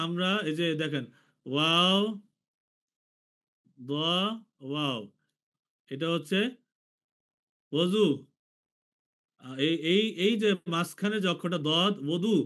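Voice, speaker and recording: A man from Bangladesh teaching an online language class, slowly repeating each letter for his students. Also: high voice, a bit bright. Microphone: video call.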